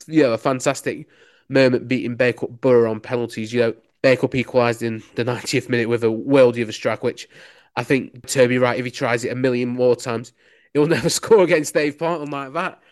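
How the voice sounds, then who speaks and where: A local radio sports reporter, a young man with a Lancashire accent, talks keenly in a casual interview, his answers full of "you know." His medium-pitched voice is a bit mellow, and he speaks fairly quickly with fairly even intonation.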